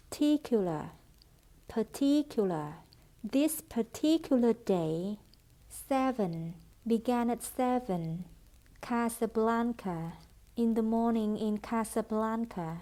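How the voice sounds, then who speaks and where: A Vietnamese-speaking woman teaching English pronunciation, modelling phrases slowly and deliberately as drills. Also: on the high side, dark tone.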